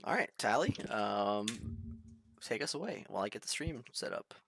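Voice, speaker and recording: A man's voice: lowish voice, very animated, normal speed, creaky, a bit bright, slight background noise. A laid-back man running a tabletop game as game master, with a wry way of talking.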